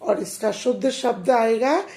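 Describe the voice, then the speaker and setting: A woman teaching a class of young pupils, speaking slowly with a gravelly, mellow voice. She explains each point carefully and keeps turning to the children. The sound carries the echo of a room. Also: a little high. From India. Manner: slow, explanatory, addresses pupils directly. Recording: echoey room.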